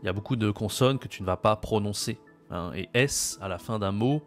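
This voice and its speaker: A man with a French accent explaining French usage to learners, patiently repeating key phrases slowly. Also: lowish voice, faint music behind. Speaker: French teacher.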